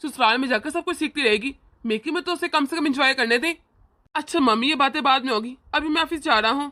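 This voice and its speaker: A woman voicing a kind, indulgent young brother in an animated family cartoon, speaking gently and reassuringly. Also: high voice, fast.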